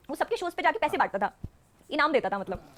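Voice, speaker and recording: A woman's voice: high voice, big pitch swings, brisk. A woman, a stage dancer, telling stories as a podcast guest and often laughing mid-sentence. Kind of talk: casual storytelling interview.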